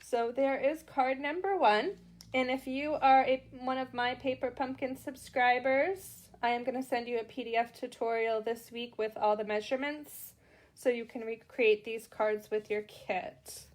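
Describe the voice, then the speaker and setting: A woman's voice: fairly high pitch, fairly even intonation, normal speed. A middle-aged woman with a Boston accent, chatting through a live card-making tutorial and greeting viewers as she works.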